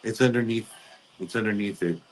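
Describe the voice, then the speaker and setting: A man speaking as a spirit medium, relaying messages in short, halting fragments during a ghost box session. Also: on the low side.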